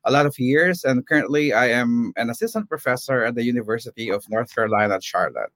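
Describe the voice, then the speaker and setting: A man's voice: medium pitch, quick pace, a bit bright, dry recording. Hesitant middle-aged man from the Philippines. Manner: hesitant, many fillers and restarts. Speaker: nurse and assistant professor, guest. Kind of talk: casual interview chat.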